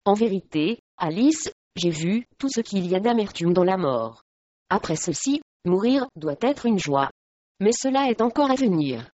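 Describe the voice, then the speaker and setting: A young mother torn with grief but firm in her faith, read by a woman in a storybook. She speaks softly and low, and the recording is dry and somewhat muffled. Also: expressive, unhurried, dry recording. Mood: weary.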